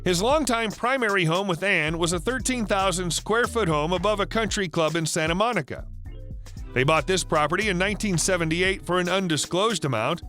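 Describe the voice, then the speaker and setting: Bright, high-voiced male narrator. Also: fairly quick, faint music behind. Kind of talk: scripted biographical narration.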